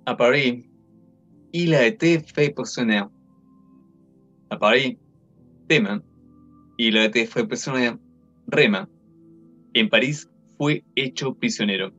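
Slow, measured young man reading aloud. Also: medium pitch, fairly bright tone, muffled recording, faint music behind. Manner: slow, measured, reads foreign examples carefully. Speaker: reader of an academic text. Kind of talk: slow verbatim reading of a textbook.

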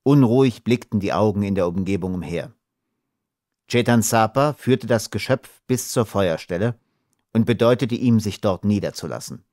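A man narrating an adventure novel as an audiobook, reading in an expressive storytelling manner. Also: on the low side, normal speed, no echo, studio quality. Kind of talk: scripted narration.

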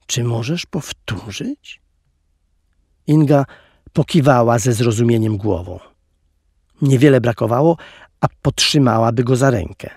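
A man narrating an audiobook in an expressive storytelling manner, recorded on a close studio mic. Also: medium pitch, normal speed, slightly rough, no room sound. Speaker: audiobook reader.

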